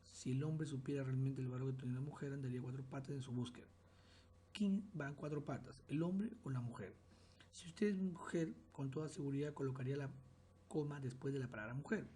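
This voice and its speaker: Mellow-voiced man giving a lecture. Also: medium pitch, brisk, slight background noise. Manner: explanatory, repeats and restarts phrases. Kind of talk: recorded class lecture.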